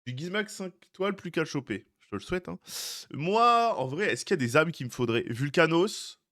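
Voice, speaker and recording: A young man is streaming live with a voice that sits on the high side, animated and fairly quick, with a fairly bright tone. He chats casually with his viewers, greets them by name, teases them, and tosses in jokey asides.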